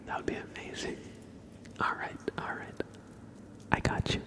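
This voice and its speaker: A man hosts an ASMR livestream, chatting casually in a soft, breathy whisper. His informal talk halts and rambles.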